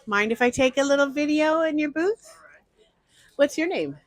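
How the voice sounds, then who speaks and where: A woman vlogger walks through an outdoor art festival, narrating chattily and greeting people as she passes. Her voice sits high and is expressive, at a normal speed, on a dry recording.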